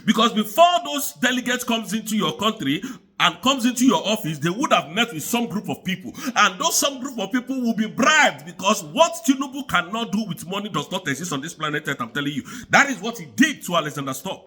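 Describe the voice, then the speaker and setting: A man with a high, bright voice delivers a heated political rant. His pitch swings all over the place as he repeats his charges in an angry, preaching tone. He speaks throughout. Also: big pitch swings, brisk, breathy edge, faint music behind. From Nigeria. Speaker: commentator.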